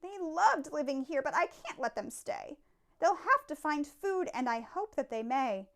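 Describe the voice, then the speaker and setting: A woman's voice: animated, measured pace. A woman voicing a small, indignant old creature who guards the trees in a storybook, with a strained, scolding delivery. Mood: indignant, sorrowful. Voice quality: coughing, strained, high.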